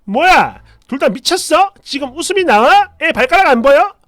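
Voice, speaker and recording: Shrill screaming young wife, real sharp and loud, as the storyteller puts her on. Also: big pitch swings, moderate pace, no echo. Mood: furious. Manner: shrieking, sharp.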